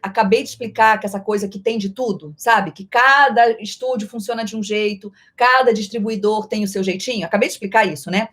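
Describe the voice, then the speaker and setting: Brazilian lady voice actress doing a live q&a, middle-aged, playful, voice goes loud and soft, fast and slow. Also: mid-range voice, fairly even intonation. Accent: Brazilian Portuguese. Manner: playful, often shifts loudness and speed. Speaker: voice actress answering viewer questions. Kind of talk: live-stream Q&A chat.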